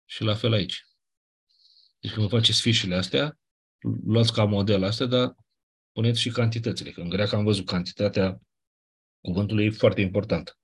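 A male teacher lectures on grammar in a patient, step-by-step way. His voice sits low and has a husky edge. He often pauses to check that the class follows and clears his throat now and then. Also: fairly even intonation. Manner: patient explaining, frequent checks like "da?".

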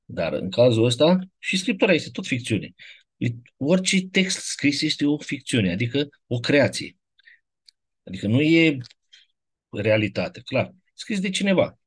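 A man giving a casual classroom lecture, wandering off topic and often checking in with his listeners through quick rhetorical questions. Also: medium pitch, sing-song, slightly rough.

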